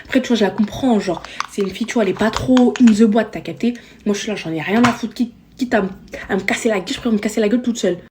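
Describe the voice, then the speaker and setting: A woman's voice: medium pitch, rapid-fire, noisy background. A young adult woman telling a story in a storytime vlog, slangy and chatty, talking straight to her viewers. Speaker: vlogger.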